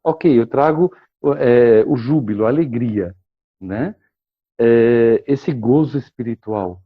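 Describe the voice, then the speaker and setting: A man, a guest expert explaining things in a measured, lecturing way, often tagging questions and pausing to cough. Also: medium pitch, narrow, tinny audio. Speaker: guest expert on liturgical chant. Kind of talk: explanatory interview talk.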